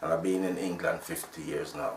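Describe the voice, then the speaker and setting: A man's voice: low-pitched, level tone, a little fast, recorded from a distance. A man in his sixties from Jamaica, with a Jamaican accent, telling his story in a rambling way full of restarts. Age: 60s. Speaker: sound system founder. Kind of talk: casual interview talk. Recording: roomy, from off the mic.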